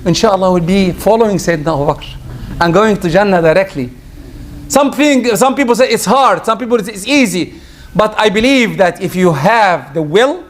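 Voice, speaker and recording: This Friday sermon comes from a preacher with a high voice whose native tongue is Arabic. He preaches in a lively way and slips into swift recitation and prayers in Arabic.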